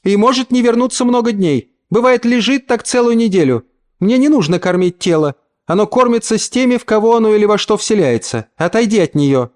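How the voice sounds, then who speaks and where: A man doing a sharp scornful mother. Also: sits high, lively intonation, a little fast, pitched above the performer's own voice. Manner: sharp, mocking, biting. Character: tall, cold, scornful mother.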